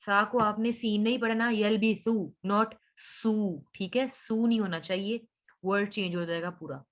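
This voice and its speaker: A woman teaching Quran recitation in an online lesson. She patiently corrects pronunciation sound by sound, drawing out recited words slowly before explaining them. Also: medium pitch, steady tone, a bit bright.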